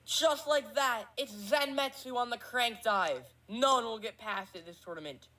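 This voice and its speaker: A woman's voice: a little high, normal speed, bright, forceful tone. A woman narrating the recap of a game tournament in an earnest, apologetic and thankful way.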